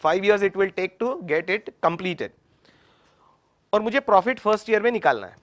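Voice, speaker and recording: A man's voice: sits high, animated, measured pace, a bit bright. A man lecturing on cost accounting, mixing Hindi and English with an Indian English accent and putting questions to the class. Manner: switches between Hindi and English, asks questions; explains with everyday examples.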